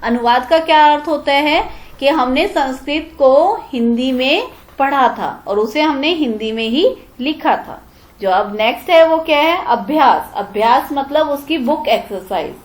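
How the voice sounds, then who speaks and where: Brief: woman teacher, high voice, patient, asks and answers her own questions. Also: lively intonation. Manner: drawn-out careful pronunciation of words. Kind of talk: Hindi classroom lesson explaining Sanskrit exercises.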